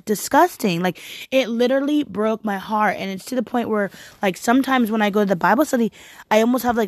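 A woman with a fairly high voice talks about faith in an earnest, animated, conversational way. She leans on "like" and "right?" as she goes. The sound is dry and close, with no room in it. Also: dry recording. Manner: heartfelt, animated, frequent "like" and "right?". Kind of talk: casual faith chat.

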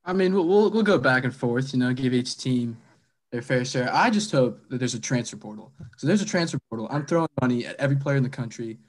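A man's voice: medium pitch, lively intonation, fast talker. A young adult man, a podcast guest in casual sports chat, joking and hyped.

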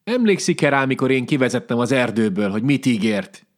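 A man voicing a small enchanted hedgehog-pig suitor in a folk tale, brisk and bossy, raising his voice above his own. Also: medium pitch, animated, close to an everyday voice.

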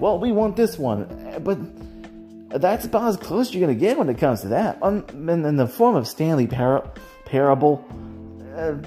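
A podcast host with a mid-range voice shares casual, rambling opinions on games and audio drama while music plays behind him. The talk is halting and thought-out-loud, often trailing off and self-correcting.

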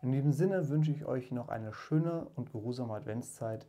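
A man reading a classic story aloud in a calm, measured way, then talking to his viewers. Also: mid-range voice, dull audio. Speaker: reader and channel host. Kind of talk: audiobook reading.

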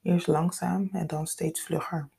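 A woman narrating a scripted story in a calm, intimate, unhurried way. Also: lowish voice, gravelly, breathy edge.

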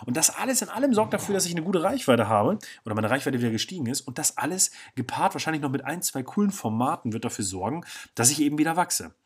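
A man's voice: fairly high pitch, sing-song, fast talker, few pauses, slightly rough. A young man hosting his own podcast, talking bluntly and casually with slang, often stopping to correct himself. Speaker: podcast host. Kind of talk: casual solo podcast monologue.

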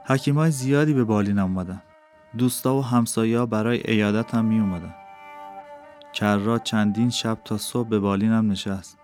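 A man reading a novel aloud as an audiobook, telling the story in an intimate, measured first-person way. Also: fairly low pitch. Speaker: audiobook reader. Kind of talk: scripted narration of a novel. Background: soft instrumental music.

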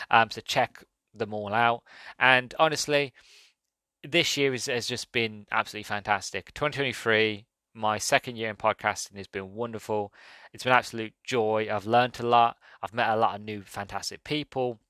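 A man chatting alone on his podcast, rambling and upbeat, with lots of ums and self-corrections. His voice sits a little low but has a bright, forceful edge. The sound is dry and close, with no room around it. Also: clean tone, no room sound. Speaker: podcast host. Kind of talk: solo podcast chat.

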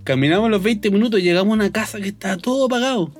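Young man, Chilean accent, high voice, swooping pitch, animated storyteller, faint music behind. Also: rapid-fire. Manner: animated, acts out voices in quotes. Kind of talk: casual storytelling chat.

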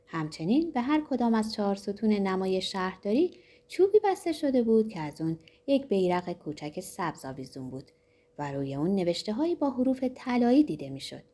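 A woman narrating a novel aloud with expressive storytelling. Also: mid-range voice.

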